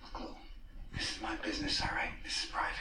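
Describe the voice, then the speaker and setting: A man plays a tense young cop who speaks quickly in a near whisper. He sounds far from the mic in a roomy space, in a TV drama clip. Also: natural voice. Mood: guarded. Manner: hushed, urgent. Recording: hushed, distant, roomy TV clip.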